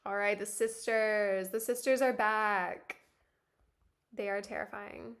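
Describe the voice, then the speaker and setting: Slow-talking giggly woman streamer. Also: mid-range voice. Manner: giggly, excitable reactions. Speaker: live streamer reading a webtoon. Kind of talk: live reading and reaction.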